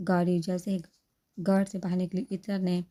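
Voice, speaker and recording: A woman's voice: lowish voice, little pitch movement, warm tone. A woman narrator steadily reading a romance novel aloud.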